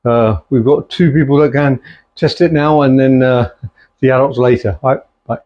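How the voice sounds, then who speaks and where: Chatty middle-aged man, mellow voice, dull recording. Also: medium pitch, normal speed. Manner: chatty, mixes in Punjabi-Urdu phrases. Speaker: home cooking vlogger. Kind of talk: casual cooking demonstration. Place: home kitchen.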